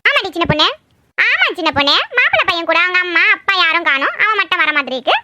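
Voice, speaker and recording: Cartoon auntie, fussy and worried, squeaky and high, played by a woman. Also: sing-song, fast, sharp tone, dry recording, full character voice. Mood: fretting. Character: fussy middle-aged aunt, worried hostess.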